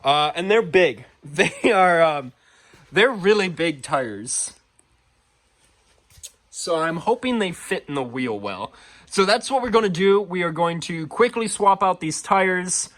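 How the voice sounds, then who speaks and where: A young man talking through his project car in a garage, chatty and excitable, with plenty of ums and little laughs at himself. His voice sits a touch high for a man. Recorded on a camera mic. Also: slow pace. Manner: chatty, self-deprecating, excitable, many fillers. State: out of breath. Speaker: car builder vlogger. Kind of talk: casual vlog narration.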